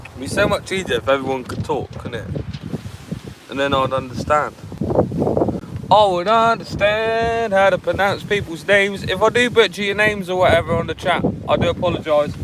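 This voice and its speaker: High-voiced West Country man on a windy beach. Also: normal speed. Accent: West Country English. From England. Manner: informal, chatty, full of regional slang. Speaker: live-stream host, angler. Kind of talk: casual live-stream chat. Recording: loud wind noise on microphone, outdoors.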